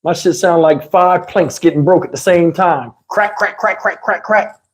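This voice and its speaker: A livestream host with a high voice talks to his viewers at an ordinary speed. His chat is casual and rambling, packed with slang and profanity.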